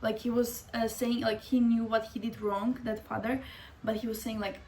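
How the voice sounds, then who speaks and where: Blunt animated young woman, faint hiss. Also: a little high, moderate pace. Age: young adult. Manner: blunt, animated, swears freely. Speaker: vlogger. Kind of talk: casual opinion vlog.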